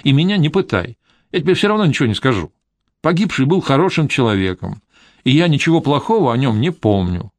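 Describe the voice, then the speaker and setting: A man's voice: medium pitch, sing-song, brisk, no echo, pitched above the performer's own voice. A man reading an audiobook, voicing a stubborn, secretive older woman housekeeper who grumbles and refuses curtly. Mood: stubborn, irritated.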